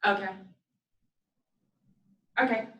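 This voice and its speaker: A woman moderating a webinar over a video call, her volume uneven, swinging between loud and faint. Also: slow pace. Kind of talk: interrupting a presenter on a video call. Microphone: video call microphone. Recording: distant, echoey, muffled call audio.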